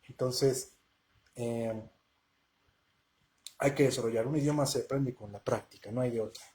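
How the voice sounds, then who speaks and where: A man talks through a live language lesson at an ordinary mid pitch. His delivery is loose and conversational, full of small asides, and he keeps checking in with rhetorical questions to his audience. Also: steady tone, moderate pace, a little mellow. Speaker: language teacher hosting a live Q&A. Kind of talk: casual live-stream lesson.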